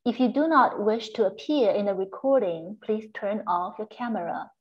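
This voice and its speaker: A woman's voice: medium pitch, moderate pace. A woman hosting an online lecture, giving a formal, polite introduction and housekeeping notes over a video call. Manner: polite, formal, reads carefully. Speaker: host and moderator. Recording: dull lo-fi call audio.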